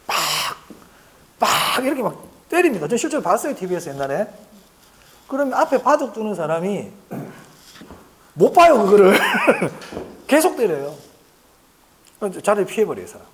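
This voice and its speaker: A man's voice: high-pitched, a little mellow. A middle-aged man giving an exam-prep lecture in a chatty manner, often asking the class questions and answering them himself, and repeating key points for emphasis.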